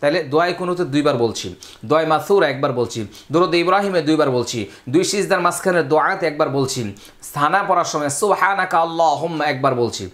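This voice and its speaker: A man teaching a Quran reading lesson, explaining rules and then chanting the words slowly in a raised voice. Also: fairly high pitch, a bit bright. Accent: Bangladeshi Bengali. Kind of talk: step-by-step recitation lesson.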